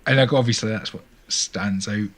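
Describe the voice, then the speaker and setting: A man's voice: on the low side, moderate pace, a bit bright. A man hosting a music stream, chatting casually and rambling a little with restarts. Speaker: stream host. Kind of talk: casual chat.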